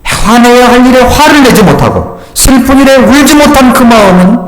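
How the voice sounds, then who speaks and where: A man's voice: very high voice, very animated, moderate pace. An older man in his sixties, a pastor preaching a sermon with emphatic, rhetorical questions. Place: church sanctuary. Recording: echoey church hall.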